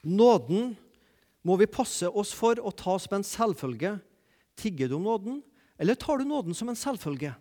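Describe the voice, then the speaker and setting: High-voiced preacher with dramatic swings. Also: male voice, sing-song. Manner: emphatic, repeats key phrases, rises and drops sharply in loudness. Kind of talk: sermon.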